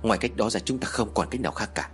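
A man's voice: fairly low pitch, fast, fairly bright tone, faint music behind, natural voice. Man doing a harsh scheming woman. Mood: grim. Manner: curt, scolding. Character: harsh, scheming middle-aged woman, scolding.

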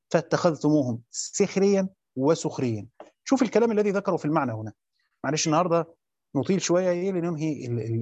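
Egyptian male teacher, fast and slightly high, reads then explains and quizzes; dull lo-fi sound. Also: darkish tone, dry recording. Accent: Egyptian Arabic. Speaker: teacher of Quran commentary. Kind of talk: classroom lecture reading and explaining a text.

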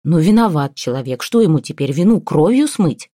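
A woman voicing an impulsive, emotional woman friend who pleads and shouts through tears. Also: deep voice, lively intonation, a little fast, dry recording, studio quality. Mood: indignant. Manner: loud, tearful, indignant.

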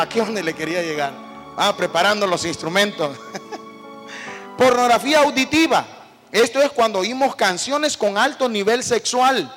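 High-voiced fervent male preacher. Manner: fervent, swings between loud calls and hushed asides. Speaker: pastor. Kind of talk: sermon. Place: church. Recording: preacher with long church-hall reverb, faint music.

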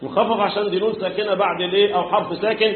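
Tajweed teacher, male, Egyptian accent, high voice; quizzes students, chants verses. Tinny echoey room recording. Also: fairly even intonation, racing, a little hiss or hum. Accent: Egyptian Arabic. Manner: quizzes students, answers his own questions; clears his throat often. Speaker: Quran recitation teacher. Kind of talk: tajweed lesson.

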